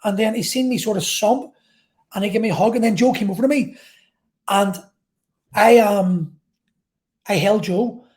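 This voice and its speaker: A woman vlogger telling an intense personal story in a halting way, repeating phrases and swearing. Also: medium pitch, darkish tone.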